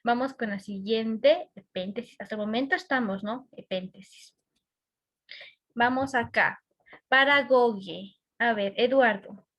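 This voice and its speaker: A woman's voice: a little high, unhurried, a bit bright. An Ecuadorian woman teaching a class over a video call, patient and checking often that students follow. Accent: Ecuadorian Spanish.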